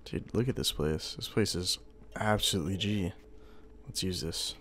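A man's voice: sits low, normal speed, a bit bright. A young man giving casual, crude and slangy gameplay commentary. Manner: crude, sweary, slangy muttering. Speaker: gamer, video player. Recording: game music behind the voice. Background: video game music.

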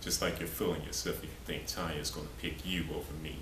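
A man's voice: rumbling low, steady tone, quick pace. A man in his thirties performing a dramatic monologue as a cocky, taunting romantic rival, confrontational and scornful. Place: small bare indoor room. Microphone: camera mic a few feet away. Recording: echoey, noisy room, distant camera mic.

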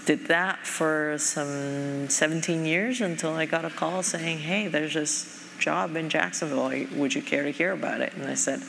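Speaking on a large conference stage, a middle-aged Japanese foundation president has a low, fairly bright voice with vocal fry and a steady tone. She is thoughtful and measured, dropping in many fillers, captured in a reverberant hall with faint noise.

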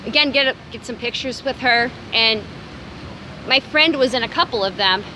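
A woman's voice: a little high, moderate pace, sharp tone, a little hiss or hum, low-quality recording. A woman in her thirties talks casually into a phone held at arm's length outdoors, rambling with fillers and restarts. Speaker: vlogger. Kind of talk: casual selfie vlog. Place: outdoors by city buildings.

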